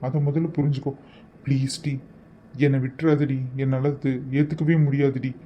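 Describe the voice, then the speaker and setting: A man's voice: mid-range voice, little pitch movement, normal speed, lo-fi sound, slight background noise, close to an everyday voice. A man voicing an obsessive, lovesick young man in a cartoon, talking in an insistent, pleading way. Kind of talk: cartoon voice acting.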